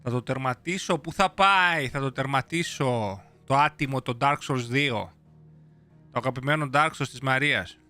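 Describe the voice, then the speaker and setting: With a medium-pitched, sharp-toned voice, a young man hosts a laid-back live stream, playful and full of slang. He chats with viewers and reads their messages out loud while faint music plays behind him.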